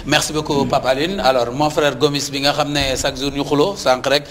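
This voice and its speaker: A man's voice: medium pitch, flat delivery, fairly quick, fairly bright tone, big-room sound. A man hosting a talk show, making friendly, teasing introductions.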